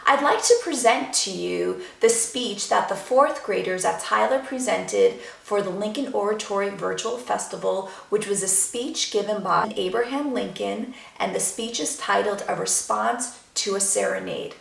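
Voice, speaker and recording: A woman drama teacher giving a clear, instructive video lesson to students. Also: mid-range voice, normal speed, few pauses, a bit bright, echoey room, far from the mic.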